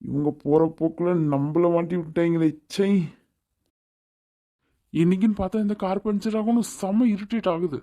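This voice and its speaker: Cartoon role: woman doing a grumpy young businessman, lowish dark mellow voice, irritable. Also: steady tone, normal speed, long pauses, close to an everyday voice. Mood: irritated. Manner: irritable, offhand, dismissive. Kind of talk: cartoon voice acting.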